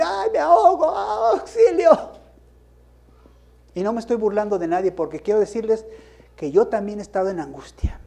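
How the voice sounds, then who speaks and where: Man, pastor, sermon, rhetorical questions, emphatic bursts, mellow dark voice. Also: sits high.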